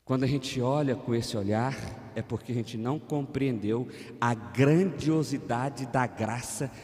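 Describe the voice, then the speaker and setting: A man in his thirties with a Brazilian Portuguese accent, preaching a sermon as pastor, moving between quiet personal storytelling and loud fervent preaching. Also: mid-range voice, measured pace. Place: church sanctuary. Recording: long church reverb.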